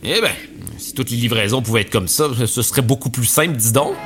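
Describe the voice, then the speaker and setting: A man voicing an excitable, gluttonous, scheming delivery courier in an animated comedy, with a hesitant, melodramatic way of talking. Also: medium pitch, brisk, soft background music, lightly acted. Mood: chatty, bemused. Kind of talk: scripted animated comedy, narration and dialogue.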